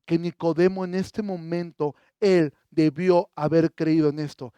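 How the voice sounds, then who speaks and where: A male pastor preaching an impassioned sermon, moving from loud proclamation to soft, intimate appeals. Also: a little high, steady tone, unhurried, clean tone, dry recording. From Mexico.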